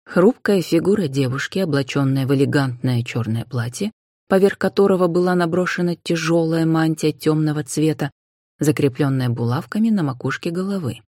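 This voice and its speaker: A woman narrating a novel in a measured, even reading voice. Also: low voice, no echo, studio quality. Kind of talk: scripted audiobook narration.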